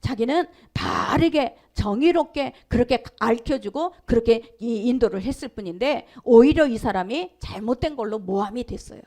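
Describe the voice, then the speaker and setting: A woman's voice: fairly high pitch, animated, normal speed, hardly any pauses, darkish tone. A woman pastor preaching a sermon, emphatic and conversational, sometimes dropping to a whisper. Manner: repetitive, conversational storytelling. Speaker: senior pastor. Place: church sanctuary.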